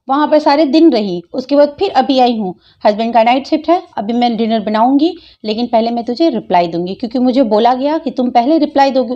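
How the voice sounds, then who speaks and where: Scolding woman, mellow lo-fi voice. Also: high voice. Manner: taunting, scolding, mocking. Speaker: YouTuber replying to a critic. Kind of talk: angry reply vlog.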